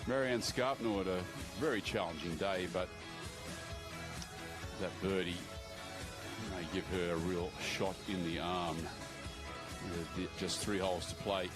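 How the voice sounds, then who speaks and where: Deep voiced guy doing live golf commentary, music in the background. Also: measured pace.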